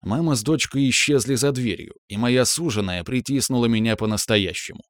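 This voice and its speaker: A man calmly and reflectively narrating a first-person audiobook story. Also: mid-range voice, a little fast, no room sound. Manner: calm, reflective.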